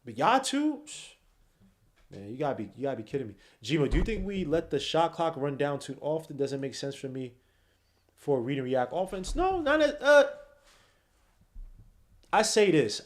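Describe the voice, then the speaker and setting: This basketball podcast host sounds worn out, yawning through a rambling late-night show. He drifts from quiet mumbling to sudden loud bursts.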